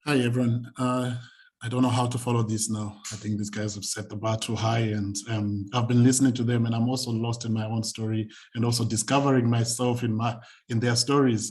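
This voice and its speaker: A man's voice: medium pitch, flat delivery, fairly quick. A man from Zimbabwe, a community and youth work practitioner, speaking on a video call panel in a conversational, reflective storytelling manner. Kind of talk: panel talk, personal story.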